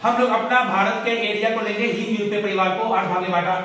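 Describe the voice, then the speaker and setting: A man giving a measured, explanatory classroom lecture, speaking directly to his students. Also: high-pitched, steady tone, pushed and bright. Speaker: teacher. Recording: echoey room, far from mic, dull lo-fi sound, faint hiss.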